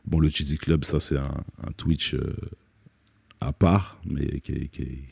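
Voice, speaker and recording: Relaxed and joking, a rapper in his thirties answers questions as a guest on a live music stream, recorded on a studio set. His voice is very low and dark, gravelly and slightly rough, with loose delivery, many pauses and "euh" fillers, in close, dry sound with no room echo.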